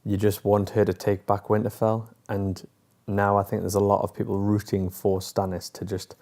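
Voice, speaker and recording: A man's voice: lowish voice, completely flat delivery, normal speed, a little mellow. Chatty man reviewing a TV episode. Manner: chatty and joking, with many fillers. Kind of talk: casual chat to camera.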